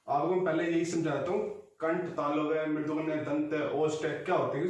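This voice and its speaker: A man's voice: a little high, darkish tone, very echoey, distant mic. A male teacher giving a patient exam-prep lesson, drawing out sounds as he explains them. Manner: explains patiently, draws vowels out long.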